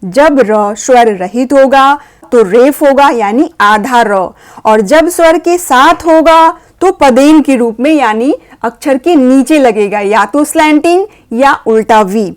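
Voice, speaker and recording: A woman patiently explaining a grammar lesson to parents, slowly sounding out letters. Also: high voice. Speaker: teacher guiding parents.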